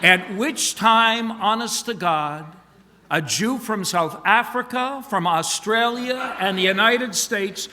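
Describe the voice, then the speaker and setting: A man, a rabbi, giving a eulogy with animated joke-telling and folksy asides in a synagogue sanctuary. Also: sits high, slow. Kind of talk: eulogy with humorous storytelling. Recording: long reverb of a large hall.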